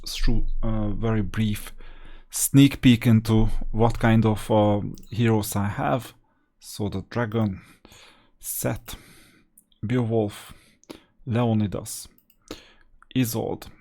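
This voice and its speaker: A somewhat low, slightly mellow male voice belongs to the host of a gaming strategy channel. He offers easygoing, matter-of-fact commentary on a video game and talks through his strategy as he goes.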